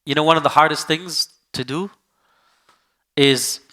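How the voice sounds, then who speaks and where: Speaking a little slowly, a male Islamic teacher with a forceful, bright, fairly high voice delivers a conversational, sermon-like lesson. Rhetorical questions come up again and again, and at times he performs the voices of those he's quoting.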